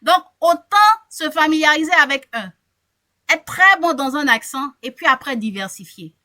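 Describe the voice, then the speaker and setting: A woman coaching a group on a video call, lively and encouraging, often repeating words as she thinks. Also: high-pitched, normal speed. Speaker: English coach. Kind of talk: online group coaching session.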